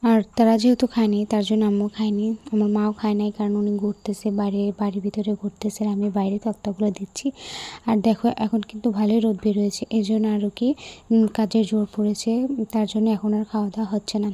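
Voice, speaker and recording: A young woman, narrating a home vlog in a hushed voice-over, recorded on a phone in a quiet room at night. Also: mid-range voice, little pitch movement, fast. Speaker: lifestyle vlogger.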